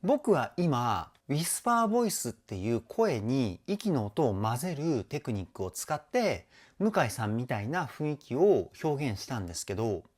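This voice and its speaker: Lively, animated male vocal coach. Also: mid-range voice, moderate pace, few pauses. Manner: enthusiastic, admiring, explains technique step by step. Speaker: vocal coach and YouTube host. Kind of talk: voice analysis reaction commentary.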